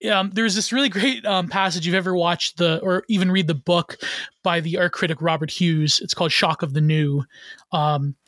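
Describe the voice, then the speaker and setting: A man's voice: high-pitched, a bit bright, no echo. A man talking as a guest on a casual podcast, rambling with many fillers and restarts.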